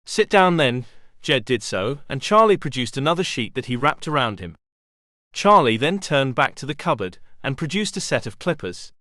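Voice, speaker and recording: An audiobook narrator reads a novel aloud in scripted narration, telling the story expressively. His voice is medium-pitched at normal speed, recorded in studio quality with no room sound.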